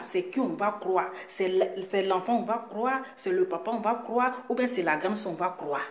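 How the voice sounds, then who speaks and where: A woman's voice: medium pitch, a little mellow. Scolding woman in an echoey room. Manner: scolding, repeats rhetorical questions. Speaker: online commentator. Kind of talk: ranting live commentary. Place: indoors in a residence.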